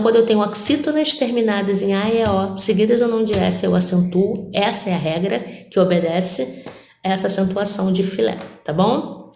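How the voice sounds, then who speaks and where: A woman's voice: mid-range voice, creaky, a little mellow, reverberant. A woman teacher giving a recorded grammar review lesson, explaining step by step and often ending phrases with short tag questions. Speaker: Portuguese language teacher.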